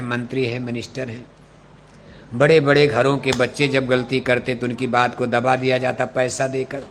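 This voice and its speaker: A man preaching a devotional sermon into a microphone, firing off rhetorical questions and leading the crowd in shouted call-and-response. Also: mid-range voice, a little hiss or hum. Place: open gathering before a large audience.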